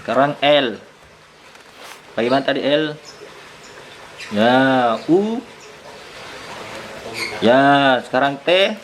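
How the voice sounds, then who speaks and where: Man teacher, lively sing-song pitch, slow unhurried speech, faint background noise. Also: rough recording. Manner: patient, coaxing, asks many questions. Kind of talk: one-on-one lesson with a young child.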